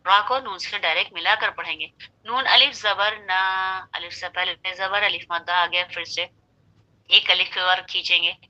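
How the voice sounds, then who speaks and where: A woman's voice: on the low side, steady tone, moderate pace, pushed and bright, highs cut off. A woman teaching Quran recitation, patiently spelling out syllables and repeating them.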